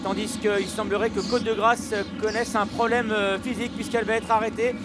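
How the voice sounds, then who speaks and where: High-pitched male horse race caller. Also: level tone, a little fast, heavy background noise. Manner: race-calling delivery, listing horses by number and position in a continuous flow. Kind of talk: live race caller commentary on a steeplechase.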